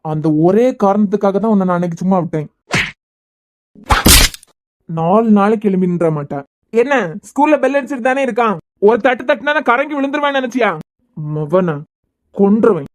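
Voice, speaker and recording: A woman's voice: medium pitch, lively intonation, fairly quick, pauses often, lightly acted. A woman voicing a protective, hot-tempered young father in a cartoon series, with a Kanyakumari Tamil accent. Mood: threatening. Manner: forceful, reassuring to family.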